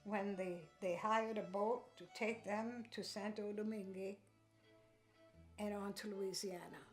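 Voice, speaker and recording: Woman, older, unhurried halting delivery, reflective interview recollection, faint music behind. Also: mid-range voice, steady tone. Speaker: interviewee recounting community history. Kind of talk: informal spoken history interview.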